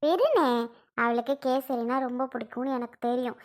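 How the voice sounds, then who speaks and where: A woman's voice: high voice, fairly quick. A woman acting out several women in a family skit, chatty and affectionate.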